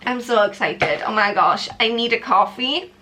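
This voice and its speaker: Chatty, excitable young woman vlogging. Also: on the high side, normal speed, slight background noise. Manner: chatty and excitable, rambling with many "like"s. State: tired. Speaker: vlogger and author. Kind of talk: casual vlog chat to camera.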